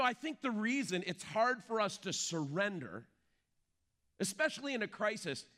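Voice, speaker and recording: A man's voice: high-pitched, sharp tone. A male pastor preaching a sermon in an emphatic way, putting rhetorical questions to his congregation.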